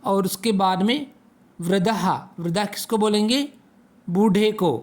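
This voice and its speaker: A man's voice: sits high, darkish tone. A man teaching a Sanskrit lesson to children, patiently asking questions and answering them himself. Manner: slow, patient, asks and answers own questions.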